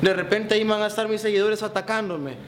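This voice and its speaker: A man's voice: high voice, steady tone, quick pace, echoey room, background noise. A young man hosting a comedy video, joking around behind the scenes and talking straight to his viewers in a playful, mock-indignant way.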